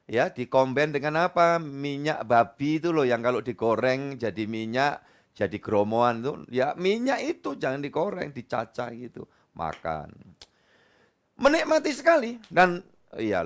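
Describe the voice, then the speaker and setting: A middle-aged male pastor, preaching a humorous, conversational sermon full of asides to the congregation. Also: medium pitch. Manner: chatty, joking, peppered with asides to the congregation.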